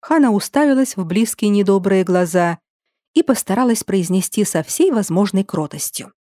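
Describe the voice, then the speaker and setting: A woman narrating a story in an expressive, gently wry manner. Her voice has a mellow, warm color. The recording is dry and close, with no room sound. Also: mid-range voice, normal speed, no room sound.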